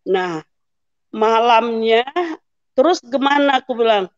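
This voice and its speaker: Woman in her 50s telling her testimony, acts out who said what, voice a bit high, flat dry sound. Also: takes it slowly, dry recording, muffled recording. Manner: acts out quoted dialogue, voice rising into pleading prayer. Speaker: guest giving a testimony to a pastor. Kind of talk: emotional testimony storytelling.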